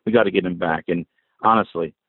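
A man's voice: low-pitched, fast, husky. An American man phoning in from inside a car with rain falling on it, talking emphatically and conversationally as a fan caller. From New Jersey, United States. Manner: conversational, emphatic, addressing listeners directly. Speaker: podcast caller. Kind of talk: fan voicemail commentary on football. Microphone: phone call. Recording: roomy, narrow phone-line sound.

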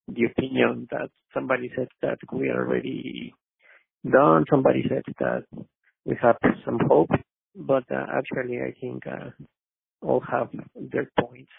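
A caller from Mexico City who speaks English. His voice is deeply gravelly and very raspy, and he speaks slowly. He is heard over a dry, narrow phone line, polite and halting. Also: flat delivery, dry recording. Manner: hesitant, polite, many "uh" fillers. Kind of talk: call-in sports talk.

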